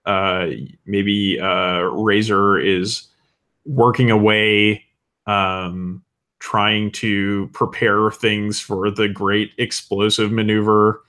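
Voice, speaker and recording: Slow, easygoing male game master. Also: on the low side. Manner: relaxed and hesitant, many fillers. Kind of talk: running a tabletop game.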